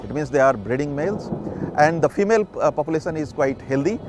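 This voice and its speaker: A man with an Indian accent speaking haltingly as a conservationist in a documentary interview. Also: a little high, animated, darkish tone. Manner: halting, hesitant delivery.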